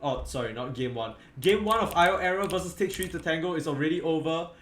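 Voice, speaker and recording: This man casts an esports match in a quick, slightly bright, higher-pitched voice, though he sounds worn out and yawns. His casual commentary rambles, full of fillers and mid-sentence self-corrections, captured in an echoey room with faint noise behind him.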